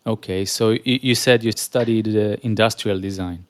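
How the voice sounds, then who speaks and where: Low-voiced male podcast host. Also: steady tone. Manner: measured, asks follow-up questions with small restarts. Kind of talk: podcast interview.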